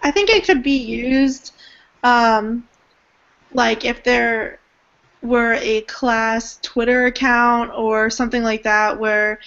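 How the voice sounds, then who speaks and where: A woman's voice: fairly high pitch, takes it slowly, a bit bright, highs cut off. A young woman leading an online group discussion, talking hesitantly with many fillers, over a video call. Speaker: education student leading a group hangout.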